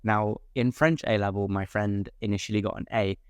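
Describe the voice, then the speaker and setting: A young British man with a fairly low voice talks casually to his viewers. He gives advice in an informal, emphatic and reassuring way. The sound is dry, with very little room to it. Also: fairly even intonation, moderate pace, smooth, dry recording. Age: young adult. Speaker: student advice vlogger. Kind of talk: casual advice talk to camera.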